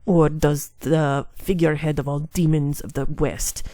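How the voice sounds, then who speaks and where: A woman voicing a calm, imposing male demon warrior who speaks in a cool, measured way. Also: low voice, no echo, pitched below the performer's own voice.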